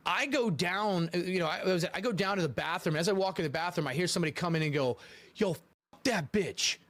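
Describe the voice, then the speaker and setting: A man's voice: high voice, quick pace, a bit bright. A man telling a casual story from a streaming clip, rambling and repeating himself, stumbling over his words.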